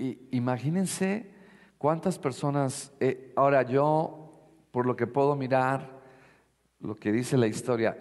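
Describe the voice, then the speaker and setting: A man's voice: mid-range voice, a little mellow, long reverb tail. A male pastor preaching a sermon. He mixes Bible reading with emphatic asides and questions to his congregation.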